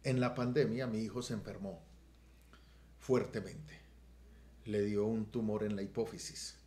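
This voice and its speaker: Earnest pastor, roomy echo. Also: male voice, on the low side, fairly even intonation, measured pace. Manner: earnest, swells loud and emotional in retelling. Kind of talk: testimony on a podcast. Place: podcast studio room.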